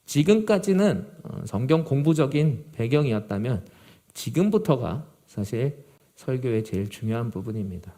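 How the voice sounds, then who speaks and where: A male pastor preaching a sermon to a youth group, swinging from loud, urgent emphasis to low, quiet gravity. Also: sing-song, normal speed.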